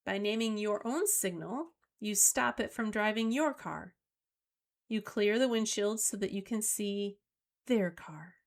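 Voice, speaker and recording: A middle-aged woman hosting a solo talk on emotional skills, coaching listeners in a slow, deliberate way. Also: mid-range voice. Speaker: host.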